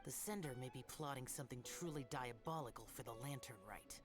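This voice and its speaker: A man's voice: mid-range voice, fairly quick, close to an everyday voice. An actor voicing a stern, solitary male guardian in a video game, speaking coldly, formally and tersely. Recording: game audio with music behind.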